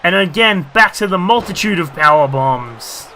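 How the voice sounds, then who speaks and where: Here a man gives excited play-by-play of a video game wrestling match for his YouTube channel, speaking at normal speed. His voice is very bright and fairly high but a little strained as he loses it, and a faint hiss is audible. He fills the rambling commentary with "you know" and gets thrilled at big moves.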